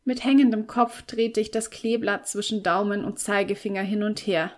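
A woman reading a novel aloud as first-person narrator, steady and expressive. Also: mid-range voice, moderate pace. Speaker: audiobook narrator.

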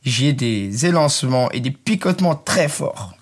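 A man's voice: medium pitch, animated, normal speed, husky. A man voicing an old chained guard dog who lectures and reminisces in a know-it-all manner in a storybook tale. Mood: lecturing.

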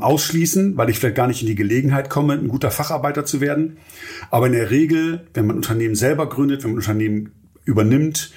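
A man's voice: mid-range voice, darkish tone. A middle-aged man hosts a solo podcast monologue in a mid-range voice. He speaks earnestly, coaching and motivating his listeners directly. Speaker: podcast host, entrepreneur.

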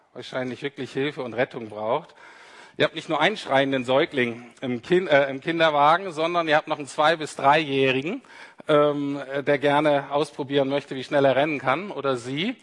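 A man's voice: medium pitch, moderate pace, a bit bright. A man giving a conversational sermon, speaking straight to his listeners and acting out the quoted lines. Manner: conversational, addresses listeners directly, acts out quoted speech. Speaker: preacher. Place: church hall. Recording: reverberant hall.

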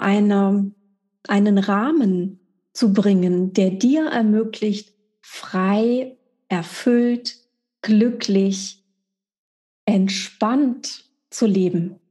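A woman's voice: medium pitch, mellow. A middle-aged woman giving a monthly spiritual energy forecast, speaking directly and emphatically to the listener as a coach.

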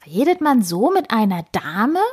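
A woman's voice: a little high, big pitch swings, unhurried, darkish tone, slightly rough, pitched above the performer's own voice, heavily acted. A woman voicing a feisty young castle maiden in a children's story, scolding and indignant.

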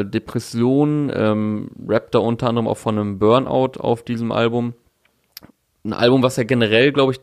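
Talking through a music release in casual chat, this young co-host of a music podcast is thoughtful but heavy on fillers and restarts. He has a lowish voice, heard in a dry, studio-quality recording.

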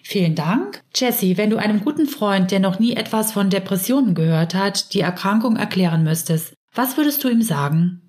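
A woman hosting a podcast, asking her guests gentle, measured questions. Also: mid-range voice, lively intonation. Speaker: podcast host. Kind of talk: podcast interview.

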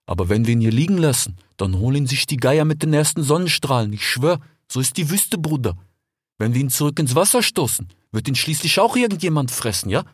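A man voicing a smooth-talking male desert fox in a storybook, chatty and persuasive, ending his sentences with little tag questions. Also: medium pitch, animated, a little fast, no echo, studio quality. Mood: coaxing. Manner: chatty, keeps tagging "ja?" and "ich schwör". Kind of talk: audiobook character voice.

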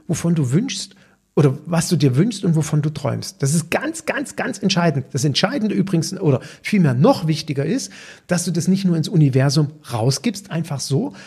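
A middle-aged man gives a motivational podcast talk as a personal trainer and mentor, his voice gravelly and a little husky. His tone is mellow and dark, and he speaks with emphasis, often stopping to check in with the listener. His pitch sits somewhat high for a man.

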